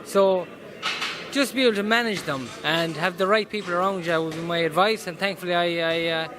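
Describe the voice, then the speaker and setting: A man's voice: high-pitched, a little fast, crowd noise. A man with a west of Ireland Mayo accent answering interview questions casually as a boxer, earnest and often repeating his phrases. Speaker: professional boxer being interviewed. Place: indoors in a boxing gym. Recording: busy gym noise behind voice.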